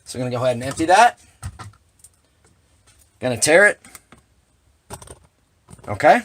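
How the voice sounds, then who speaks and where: A man's voice: mid-range voice, very animated, unhurried, background noise. A man walking through a hands-on equipment demonstration, talking plainly with dry sarcastic asides. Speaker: shotgun reloading demonstrator.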